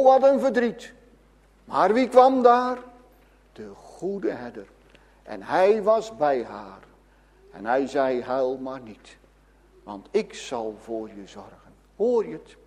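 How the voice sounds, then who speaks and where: High, lively-voiced preacher in an echoing hall. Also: male voice. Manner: dramatic swings between loud calls and hushed lines. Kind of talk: sermon addressed to children and adults.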